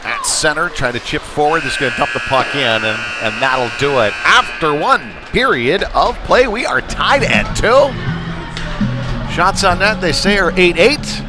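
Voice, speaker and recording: Over loud music, a man with a slightly high, sing-song voice gives casual, conversational live play-by-play of a youth hockey game at a measured pace. He's wearing a headset at a chilly ice rink.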